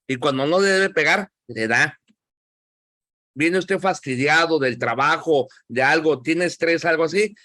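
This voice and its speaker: A man's voice: a little high, pushed and bright, no room sound, clean studio sound. A man with a Mexican accent teaching a Bible class, talking conversationally and asking the class questions.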